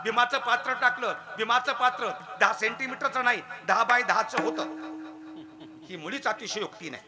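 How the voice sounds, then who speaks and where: Male kirtan preacher with a high voice, acting out the dialogue as he tells the story. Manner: acts out the dialogue of the figures, laughing often.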